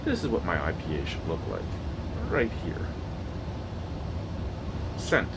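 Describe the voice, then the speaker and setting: A Canadian-accented man from Ontario rambles through a casual, unscripted beer review, opinionated and occasionally profane. He speaks slowly in a low voice with huge pitch swings, in an indoor recording room with a noisy, clearly audible hum.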